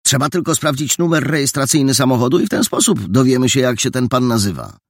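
A man's voice: mid-range voice, lively intonation, no room sound, studio quality, voice pushed up. A man voicing a serious, focused boy who leads the young detectives. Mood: earnest. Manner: earnest, brisk.

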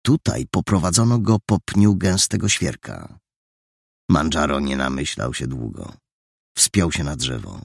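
A man with a very deep, gravelly voice reads a storybook in a steady, measured way. His tone is husky, and the recording is close and dry. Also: no room sound. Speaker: narrator. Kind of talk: scripted storybook narration.

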